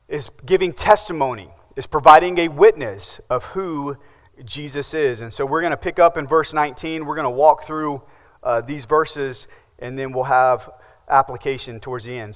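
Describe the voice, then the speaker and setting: A man's voice: medium pitch, fairly bright tone, big-room sound. A man preaching a sermon as pastor, asking the congregation questions and answering them himself.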